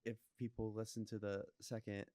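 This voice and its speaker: A young man hosting a faith podcast, soft-spoken and hesitant as he reflects. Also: lowish voice, little pitch movement, moderate pace, dry recording. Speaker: podcast host. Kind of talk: casual faith conversation.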